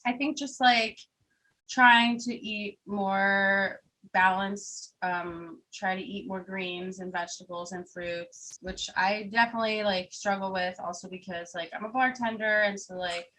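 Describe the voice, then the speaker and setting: A woman's voice: medium pitch, fairly even intonation, a little slow, pushed and bright, poor audio. A young woman, chatting casually as an interview guest, laughing often and full of fillers. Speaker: singer and keyboard player, guest.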